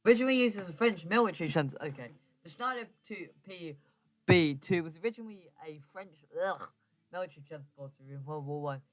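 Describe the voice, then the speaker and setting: A young man talks through a game he is playing, in a voice pitched a little high. His commentary is casual and rambling, full of ums, restarts and quick self-corrections as he thinks out loud. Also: lively intonation. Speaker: gaming YouTuber.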